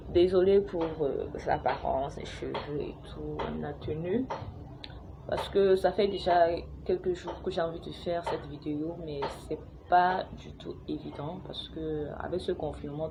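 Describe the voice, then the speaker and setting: Sharing a home remedy with her viewers, a young vlogger from Cameroon talks to camera casually, halting often with fillers and restarts in a fairly low voice. The home recording has clear background noise: noisy neighbours and kids playing outside.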